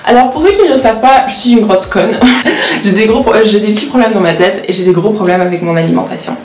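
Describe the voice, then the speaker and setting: Speaking fast in a mid-range, slightly mellow voice, the 19-year-old vlogger opens up in a relaxed confessional chat. She's a law student whose first language is Portuguese, and she often hesitates and pokes fun at herself. There's a little hiss or hum and a roomy echo.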